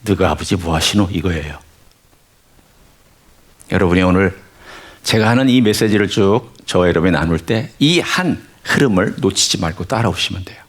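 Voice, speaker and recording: Low-voiced pastor preaching a sermon. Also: male voice, lively intonation, normal speed, pauses often. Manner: conversational, asks the congregation questions. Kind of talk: sermon with scripture reading. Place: church sanctuary.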